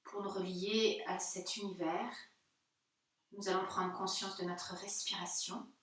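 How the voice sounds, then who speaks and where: In a very echoey room, with the microphone placed at a distance, a female yoga teacher leads a guided meditation. She speaks gently and soothingly at a slow, unhurried pace, pausing between phrases, her medium-pitched voice showing little pitch movement.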